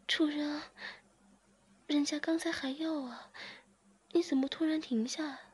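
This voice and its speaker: A woman's voice: high-pitched, fairly even intonation, unhurried, voice pushed up. A woman whispering as a breathless, pleading young woman. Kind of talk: whispered role-play.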